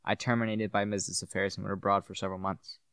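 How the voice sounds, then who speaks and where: A young student actor plays a brooding, grieving widower and devoted husband in a solemn, theatrical radio play, acting scenes and a monologue with a haunted air. His fairly low, smooth, slightly bright voice moves fast with little pitch variation. The studio recording is clean, without echo.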